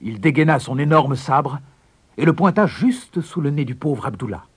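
A man's voice: a little high, lively intonation, normal speed, husky. A man narrating a fairy tale in a scripted, suspense-building storybook reading.

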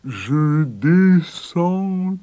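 A man voicing a slow, drowsy giant slug who drags out every word. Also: on the high side, animated, warm tone, voice pushed up. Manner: drawn-out, sluggish speech.

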